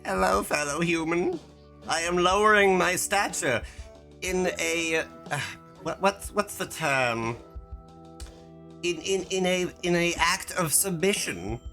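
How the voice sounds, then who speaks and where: A woman's voice: fairly low pitch, slow pace, fairly bright tone, soft background music. A woman voicing an alien shopkeeper who fakes being human, speaking in a stilted, overly formal way with musing hums. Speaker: streamer playing a shop game.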